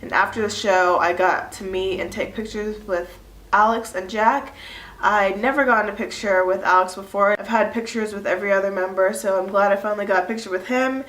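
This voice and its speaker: A vlogger in her early twenties, stuffy-nosed from a cold, chats casually to the camera in an echoey room, rambling with lots of "like" fillers. Her mid-range voice is a bit bright and steady in tone, and she talks a little fast.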